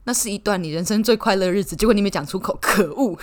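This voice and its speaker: A woman's voice: mid-range voice, very fast. A young woman with a Taiwanese Mandarin accent hosting a podcast, teasing her guest and laughing often in casual chat. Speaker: podcast host.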